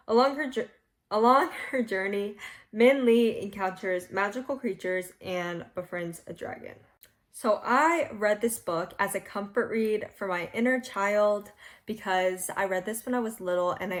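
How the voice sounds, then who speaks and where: A young woman hosting a casual book review vlog from her bed at home, chatty and laughing at her own slips. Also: medium pitch. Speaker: book vlogger.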